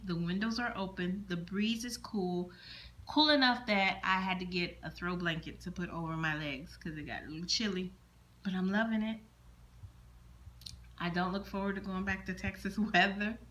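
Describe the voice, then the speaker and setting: A middle-aged woman vlogger, born in Germany as a military child, chats casually to her camera indoors at home with the windows open. She rambles and repeats words as she thinks aloud. Her voice is medium-pitched with a sharp tone.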